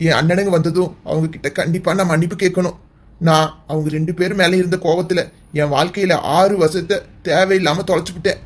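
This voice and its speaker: A man's voice: high voice, steady tone, fairly quick. A man voicing an emotional, remorseful middle-aged village uncle in a cartoon, tearful and fond with his family. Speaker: uncle and father. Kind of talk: cartoon voice acting.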